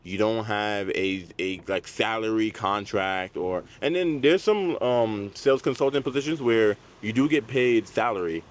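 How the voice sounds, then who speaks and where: A man's voice: fairly low pitch, a little slow, few pauses. A man talking casually as a car salesman giving advice in a vlog, in a conversational way that repeats points for emphasis. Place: outdoors at a car dealership. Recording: noisy outdoor lot, vehicle and dryer noise. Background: loud dryer and passing cars.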